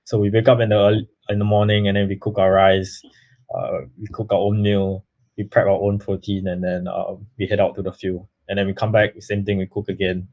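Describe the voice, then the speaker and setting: A young baseball player from Singapore, appearing as an interview guest, has a lowish voice with a flat, brisk delivery. His earnest answers are full of fillers and restarts, and the lo-fi audio sounds slightly muffled.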